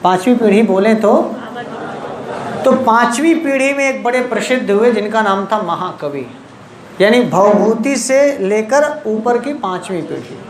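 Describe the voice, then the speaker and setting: Woman teacher explaining slowly, keeps repeating the key words, roomy echo, bit of hum behind. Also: mid-range voice, lively intonation. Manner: unhurried, repeats key terms, asks rhetorical questions. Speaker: Sanskrit literature teacher. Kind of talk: explanatory lecture. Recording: echoey room with faint ambience.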